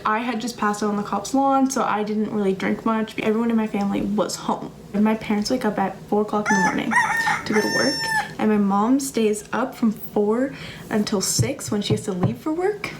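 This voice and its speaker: A young woman vlogger telling a casual storytime with fast, breathless, swear-laden delivery. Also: mid-range voice, darkish tone, slight background noise.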